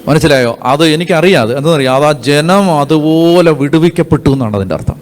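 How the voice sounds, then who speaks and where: A man's voice: fairly high pitch, fast. A man preaching a sermon, emphatic and repetitive, asking his listeners rhetorical questions and reading scripture aloud.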